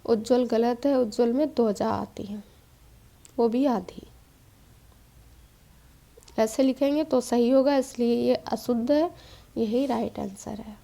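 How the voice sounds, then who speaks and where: A woman with a fairly high but mellow voice works through a spelling quiz for exam students. She explains each answer in a steady, plain teaching tone, with English quiz terms dropped in. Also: slow, gravelly, pauses often. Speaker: exam-prep Hindi teacher. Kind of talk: spelling quiz walkthrough lesson.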